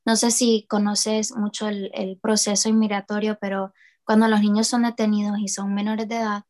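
A woman's voice: mid-range voice, little pitch movement, moderate pace, a little mellow. A young woman from New Orleans, a student guest in an interview, talking with hesitant fillers and restarts. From New Orleans, USA. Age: young adult. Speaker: guest, student and project founder. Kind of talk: casual interview.

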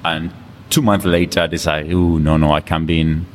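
Chatting at a gym as a guest in a relaxed interview, this Colombian fitness coach speaks English with a Colombian Spanish accent and laughs frequently. He has a very deep voice with a level tone and moderate pace, captured with long reverb and faint background noise.

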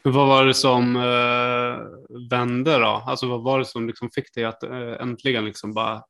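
A man interviewing a guest, mostly giving brief acknowledgements and asking gentle questions. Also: medium pitch, level tone, clear, resonant tone. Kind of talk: casual interview.

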